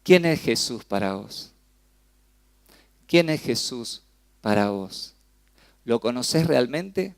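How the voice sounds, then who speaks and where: A man from Argentina with a Rioplatense Spanish accent preaching a sermon in church, swinging from loud outbursts to hushed, slow phrases. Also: medium pitch, animated, creaky. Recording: soft piano music behind the voice.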